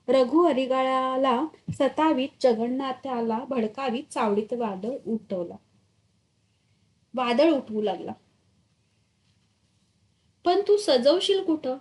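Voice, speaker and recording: A woman reading a literary short story aloud, expressive and dramatic in her storytelling. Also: fairly high pitch. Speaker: story reader.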